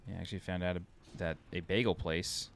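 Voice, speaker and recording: A man's voice: deep voice, fairly even intonation, quick pace, a little hiss or hum. A tired man with a New York accent giving chatty, self-deprecating walkthrough commentary over a video game, thinking aloud as he plays. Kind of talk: casual gameplay commentary.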